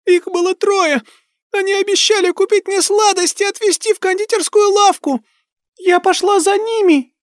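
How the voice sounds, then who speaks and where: A man's voice: very high-pitched, steady tone, moderate pace, dry recording, studio quality, voice pushed up. A man voicing the cruel, vengeful ghost of a young girl who shrieks and taunts. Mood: shrieking.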